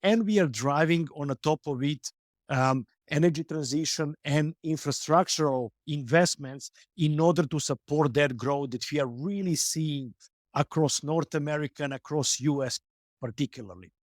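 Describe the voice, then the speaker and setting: Man, hesitant and measured. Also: on the high side, no room sound, clean studio sound. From Serbia. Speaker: business executive guest. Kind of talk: interview answers.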